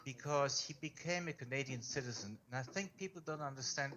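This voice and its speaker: A man's voice: mid-range voice, a little fast, background noise. Rambling man on a live stream. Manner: rambling, stumbling, repeats words. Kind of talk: casual live stream chat.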